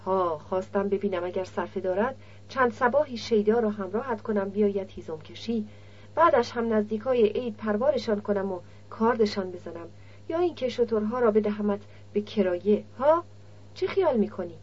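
A woman's voice: medium pitch, animated, darkish tone, breathy edge. A woman reading the lines of a shrewd, teasing village middleman in an audiobook. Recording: dull lo-fi recording.

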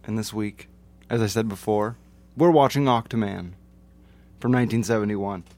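A man's voice: on the low side, normal speed, a little mellow. Laid-back man hosting a movie chat. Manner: laid-back, reads film facts from notes. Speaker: podcast co-host. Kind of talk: casual movie review chat.

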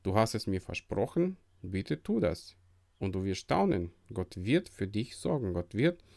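A man's voice: fairly low pitch, very animated, a little slow, gravelly, darkish tone, dry recording, clean studio sound. A man hosting a devotional podcast, talking earnestly and encouragingly in a preacher-like way. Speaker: podcast host.

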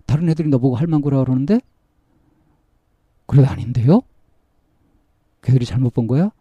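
Mellow husky man recounting a counseling case. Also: mid-range voice, very fast, no room sound, highs cut off. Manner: recounts dialogue, acting out the child's replies; gentle, coaxing, many fillers. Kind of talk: storytelling about a counseling case.

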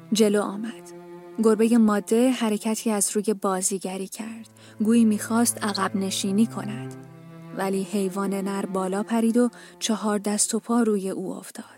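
Flat-voiced woman reading an audiobook. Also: medium pitch. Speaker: audiobook narrator. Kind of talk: scripted audiobook narration.

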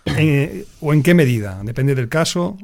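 A man's voice: a little high, animated, measured pace, creaky, mellow. A man hosting a radio panel, asking questions and finishing his guests' sentences. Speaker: host.

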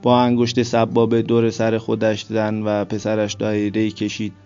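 Male narrator, low and gravelly, flat steady read, dull lo-fi sound. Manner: steady, flat storytelling delivery. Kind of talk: scripted literary narration. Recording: dull lo-fi recording with soft music.

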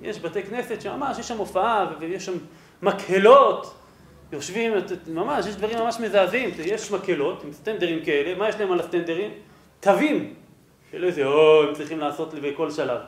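A rabbi delivers a lesson on religious law in a fairly high voice for a man. He explains patiently, walks through his sources and keeps asking his listeners whether they follow. The room around him is echoey. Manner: explanatory, checks in with rhetorical "right?". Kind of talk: Torah lesson. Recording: roomy echo.

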